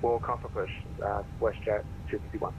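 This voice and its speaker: A man's voice: on the low side, flat delivery, moderate pace. A man calling the tower as a pilot, reading back instructions in clipped radio phrasing over a faint, fading radio transmission. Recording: noisy lo-fi radio heard from far off.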